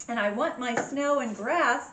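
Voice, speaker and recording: A woman's voice: fairly high pitch, unhurried, a bit bright. A woman presenting a step-by-step craft tutorial for children, with simple instructions and a cheery children's-host way of talking. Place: indoor room with echo. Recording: echoey room with faint background noise.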